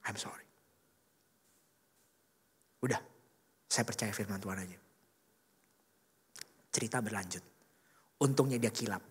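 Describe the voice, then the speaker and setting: Animated man telling his testimony. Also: fairly low pitch, moderate pace, long pauses, breathy edge. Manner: animated emotional storytelling, acting out quotes, colloquial. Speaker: church speaker giving a testimony. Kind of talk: personal testimony in a sermon. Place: church hall. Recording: reverberant church hall.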